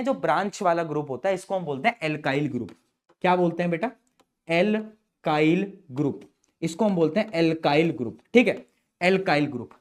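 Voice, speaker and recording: A young adult man teaching chemistry in a playful, chatty way, joking with his students. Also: high voice. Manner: playful, chatty, calls students beta and bhai. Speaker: chemistry tutor. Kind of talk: chalkboard-style lesson explanation.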